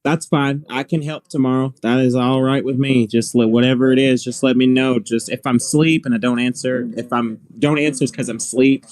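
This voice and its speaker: A man's voice: medium pitch, steady tone, fairly quick, few pauses, a little mellow, dry recording. Chatty man, dry sound. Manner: chatty and rambling, laughs often. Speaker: co-host of a live severe weather stream. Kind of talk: casual on-air chat.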